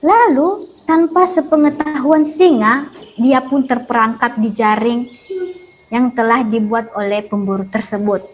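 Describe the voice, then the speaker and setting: A woman teacher telling a fable to young pupils in a lively way, talking to them directly. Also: on the high side, a little slow, slight background noise. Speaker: primary school teacher. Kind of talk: storytelling lesson for children.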